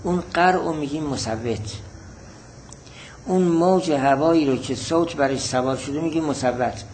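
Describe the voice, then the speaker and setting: A man's voice: on the high side, a little mellow, slight background noise, low-quality recording. Man teaching a text lesson, patient. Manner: patient, repeats definitions slowly. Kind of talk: seminary text lesson, reading and explaining Arabic.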